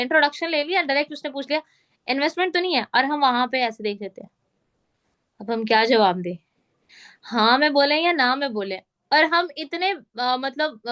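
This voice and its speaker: A woman leads a training session over a call. Her voice sits high, and she explains step by step, often asking whether everyone is following. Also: fairly bright tone. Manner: instructive, repeats check questions. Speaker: sales trainer. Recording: call audio.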